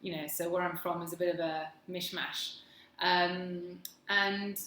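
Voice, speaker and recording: Unhurried and steady, a woman with a fairly low, pushed and bright voice and a plummy English accent talks casually to her camera. Hailing from England, she rambles wryly at her own expense, and the room echoes with faint noise behind her.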